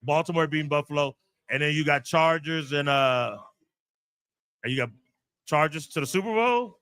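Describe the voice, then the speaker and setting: A man with a bright, fairly high voice hosts a laid-back podcast chat. He runs through picks in quick back-and-forth questions, recorded close and dry. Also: clean tone, no room sound. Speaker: podcast host. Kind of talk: casual chat.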